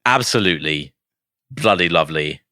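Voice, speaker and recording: A man doing a jolly fake-British chap, deep voice, bright edge, slangy and hammy, dry close sound. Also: lively intonation, normal speed, no room sound. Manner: hammy put-on British accent, slang-heavy. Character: cheery mock-British bloke toasting listeners.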